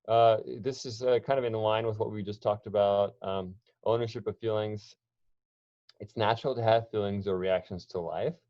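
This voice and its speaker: A man's voice: lowish voice, darkish tone, dry recording, dull audio. A man presenting an online workshop, talking conversationally with frequent restarts and fillers. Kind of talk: online training talk.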